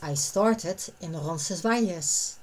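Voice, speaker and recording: A woman narrating a scripted language lesson, reading short phrases and translations in a measured, clearly separated way. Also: fairly low pitch.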